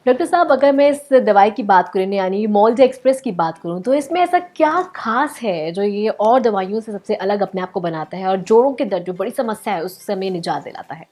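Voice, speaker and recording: A woman's voice: mid-range voice, expressive, a little fast, few pauses, warm tone. A woman hosting a promotional talk show, speaking energetically and addressing the viewers directly.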